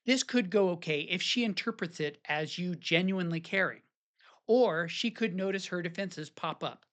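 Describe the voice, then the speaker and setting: A man's voice: high-pitched, normal speed, fairly bright tone. A man who works as a marriage therapist, giving scripted advice to husbands in an earnest, coaching way and acting out sample phrases. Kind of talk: scripted advice talk to men.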